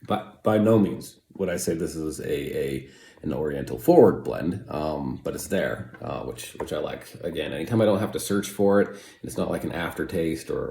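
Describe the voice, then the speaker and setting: This American pipe tobacco reviewer has an extremely low, creaky, warm voice. His casual review rambles and hesitates, often circling back to qualify earlier points, with roomy echo and faint noise in the background.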